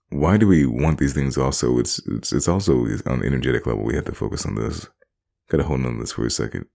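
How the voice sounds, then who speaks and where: A man's voice: rumbling low, creaky, darkish tone. A man giving a rambling, casual monologue, often repeating himself and laughing between phrases. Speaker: vlogger.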